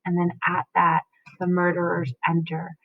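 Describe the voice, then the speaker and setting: A woman's voice: fairly low pitch, monotone, moderate pace, no echo. A woman teacher explaining a play, checking in with her students as she goes. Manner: explains and checks in with "right?" and "okay?". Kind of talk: literature lesson. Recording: tinny phone-like dry sound.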